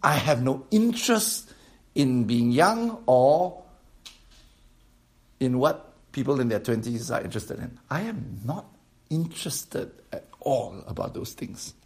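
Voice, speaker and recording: A man's voice: medium pitch, very animated, unhurried, roomy sound. A man, preaching a sermon as pastor in a conversational way and putting questions to the congregation. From Malaysia. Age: 50s. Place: church.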